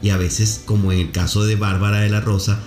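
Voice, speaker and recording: A podcast host interviewing a guest talks at length and effusively, pausing to explain marketing terms for listeners. His voice is on the low side with a level tone and a slightly fast pace, recorded in an echoey room with faint music.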